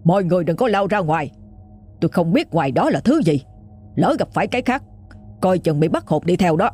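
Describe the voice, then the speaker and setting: A cautious ritual master gives grave warnings in a low, husky tone, pausing on uneasy fillers, as a woman narrator puts him on. Faint music plays beneath the storytelling. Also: expressive, dark tone.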